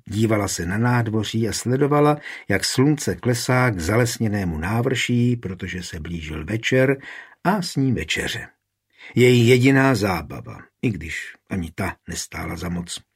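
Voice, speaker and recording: A man narrating an audiobook with steady, even storytelling. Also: lowish voice, breathy edge.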